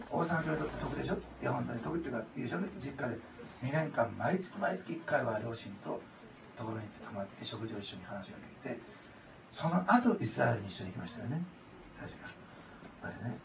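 A male pastor delivers an earnest, emotional testimony sermon, often tacking "ne" onto his sentences. His voice is medium-pitched with vocal fry. The recording is noisy, from a distant mic in an echoey room.

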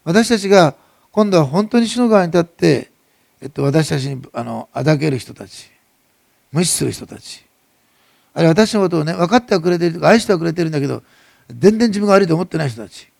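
A middle-aged male pastor with a Nagasaki dialect, preaching a sermon that swells loud and then drops soft. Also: a little high, animated, fairly quick, vocal fry, dry recording, studio quality.

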